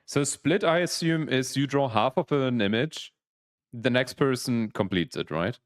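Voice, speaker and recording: A man's voice: mid-range voice, a little slow, no room sound, clean studio sound. A man in his twenties chatting casually on a livestream, rambling with restarts while explaining game rules. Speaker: streamer, PhD student.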